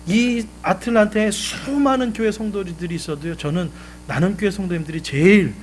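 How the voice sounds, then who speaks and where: A male pastor preaching a live Sunday sermon, emphatic, swelling loud and then dropping low. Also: normal speed, a little hiss or hum. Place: church sanctuary.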